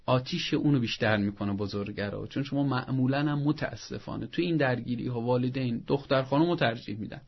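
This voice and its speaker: A man's voice: medium pitch, creaky, few pauses, slightly rough, dull audio. A man speaking as a parenting expert, giving earnest advice and acting out parents' scolding. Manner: didactic, earnest, acts out parents' scolding in a raised voice. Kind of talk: advice talk on a show.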